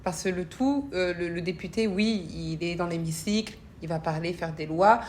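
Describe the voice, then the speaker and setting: Low and darkish in tone, the woman talks at a moderate pace, reflecting earnestly in an interview as she searches for words and repeats them. She is a parliamentary assistant and association founder with French and Congolese roots in her upbringing, and a little hiss or hum runs through the audio.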